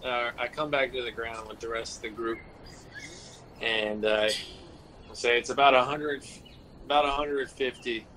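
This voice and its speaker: A man's voice: medium pitch, steady tone, a little slow, pauses often, bright, forceful tone, a little hiss or hum, poor audio. A man playing a tabletop game, describing his actions and asking short questions. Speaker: player. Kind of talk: casual tabletop game play.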